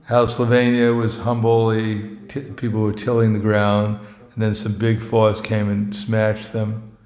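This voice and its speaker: In an echoey temple hall, a visiting monk gives an informal, joking sermon, chuckling between phrases and poking fun at himself in a plainspoken way. His fairly low, slightly mellow voice stays completely flat at a measured pace.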